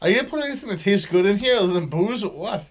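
A man's voice: sits high, lively intonation, racing, a little hiss or hum. A man, a guest in a casual chat at a friend's home, teasing and laughing a lot, cursing freely.

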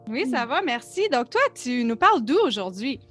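A woman's voice: fairly high pitch, very animated, moderate pace, a bit bright, faint music behind. Québécoise woman hosting a podcast. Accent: Québécois French. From Quebec. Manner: friendly, curious questioning. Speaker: podcast host. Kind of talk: casual podcast interview.

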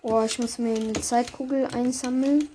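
High-pitched female gamer over keyboard noise. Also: fairly even intonation, moderate pace, warm tone. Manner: reacts aloud to the game in short bursts. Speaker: gamer commentating own gameplay. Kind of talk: casual live gameplay commentary. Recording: clear background noise, keyboard clicks.

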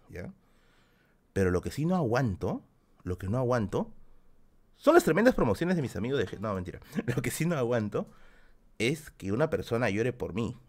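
Chatty Peruvian streamer, lively pitch. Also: male voice. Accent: Peruvian Spanish. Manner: chatty and self-deprecating, reads out donations and comments. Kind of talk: casual late-night livestream chat.

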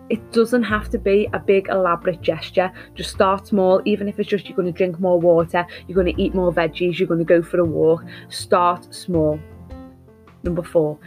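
A woman hosting an advice episode, talking to listeners in an upbeat, encouraging way as she sets out tidy tips. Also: on the low side. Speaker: podcast host.

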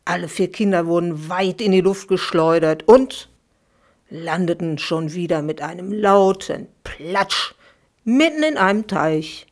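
Woman reading a lively bedtime story. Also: lowish voice, measured pace. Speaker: children's author reading her book.

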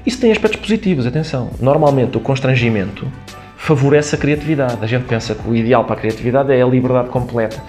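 Male comedian, European Portuguese accent, mid pitch, reflective and explanatory, faint music bed. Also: quick pace, a little mellow. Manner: thoughtful, explains with examples and quoted asides. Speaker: comedian guest. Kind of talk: conversational interview.

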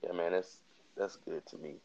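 A young man with a very low, deep voice, speaking in a relaxed, drowsy way late at night. He hedges and takes his time as he co-hosts a loose chat. The sound is dull and lo-fi. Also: gravelly. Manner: laid-back, hedging, unhurried. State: tired. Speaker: co-host.

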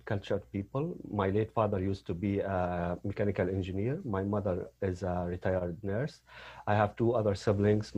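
A man's voice: on the low side, a little mellow, muffled recording. A man from Syria, telling his story as a guest, hesitant with many fillers and restarts. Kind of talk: personal story in an interview.

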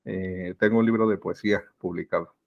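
Gravelly low Mexican man, lo-fi. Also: fairly even intonation, fairly quick. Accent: Mexican Spanish. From Mexico City. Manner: reflective, hesitant with fillers. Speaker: podcast guest, business mentor. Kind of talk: casual conversation.

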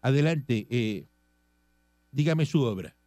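A man's voice: mid-range voice, animated, darkish tone, no echo. A Puerto Rican man hosting a call-in radio show, teasing and arguing with callers in casual banter. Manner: teasing, argumentative, mock-interviews with long pauses.

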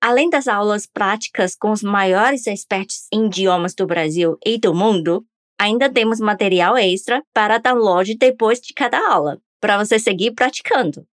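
A woman's voice: medium pitch, moderate pace, dry recording, clean studio sound. A woman teaching a pronunciation lesson on a podcast, upbeat and coaxing listeners to repeat after her. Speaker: language teacher.

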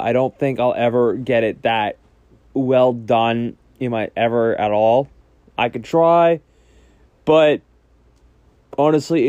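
A man hosting his own podcast, speaking earnestly in a halting way with frequent restarts. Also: mid-range voice, a little mellow, no room sound, highs cut off. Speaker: podcast host. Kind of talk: solo podcast monologue.

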